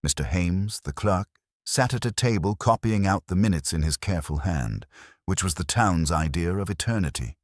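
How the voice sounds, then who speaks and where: Reading literary detective fiction, a man with an extremely deep voice keeps a formal, dry, measured delivery, but his intonation is lively and wide-ranging. The audio is close-miked with no room or echo.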